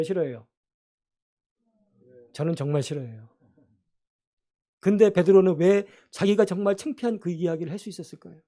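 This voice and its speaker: A man's voice: high-pitched, warm tone. A man preaching a sermon as pastor in a church, earnestly asking the congregation questions. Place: church sanctuary.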